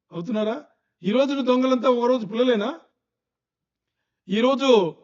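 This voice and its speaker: A high-pitched male pastor preaching a sermon to his congregation. He keeps firing rhetorical questions and urging them to think. The dull, lo-fi recording muffles his voice.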